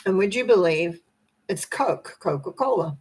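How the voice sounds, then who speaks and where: An older woman with a hoarse, croaky voice that cracks and needs clearing. She hosts a spiritual talk on personal growth, chatting in a loose, rambling manner. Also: fairly low pitch, expressive, normal speed, a little mellow, low-quality recording. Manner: rambling, conversational. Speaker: host.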